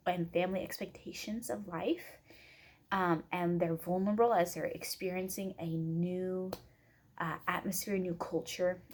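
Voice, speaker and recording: Young oregon woman rambling thru a class intro video, kinda low voice, lots of um and uh. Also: a little mellow. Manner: rambling, many fillers and restarts. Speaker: student. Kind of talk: casual self-introduction video.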